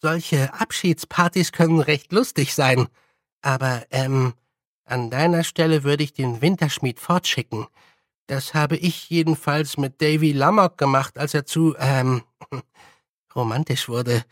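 A man's voice: medium pitch, unhurried, fairly bright tone, no echo, clean studio sound, natural voice. A man reading an audiobook voices a nervous, honest young witch girl who hesitates a lot. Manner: hesitant, with many fillers.

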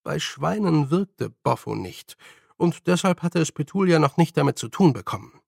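A man narrating a storybook in a measured, expressive way. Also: fairly high pitch, vocal fry, husky, no echo, clean studio sound. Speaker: audiobook narrator.

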